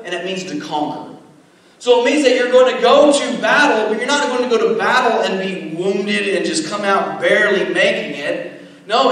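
A male pastor preaching a sermon, speaking deliberately, checking in with "okay" and repeating key words for emphasis. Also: sits high, fairly bright tone. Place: church sanctuary. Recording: echoey church hall from a distance. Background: long hall reverb.

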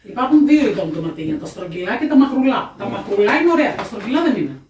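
A woman's voice: mid-range voice, lively intonation, darkish tone. Teasing woman off camera, echoey and distant. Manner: teasing, laughs between remarks. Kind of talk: casual chat. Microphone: off camera, far from the mic. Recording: echoey kitchen from far off.

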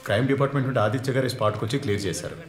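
Man doing a dutiful constable, super fast talker, echoey room. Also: medium pitch, natural voice. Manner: deferential to his boss, bossy to others. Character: dutiful male constable, gruff with underlings. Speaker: police constable. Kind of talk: dubbed film acting. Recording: roomy echo.

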